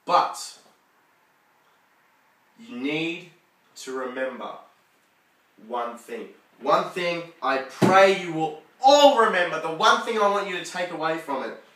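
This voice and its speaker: An earnest young man speaks in a slightly higher, bright and pressing voice, repeating his main points. He is recorded indoors in a very echoey room, well away from the mic. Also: lively intonation, takes it slowly, pauses often, a little hiss or hum. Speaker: youth speaker. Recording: roomy echo, far from mic.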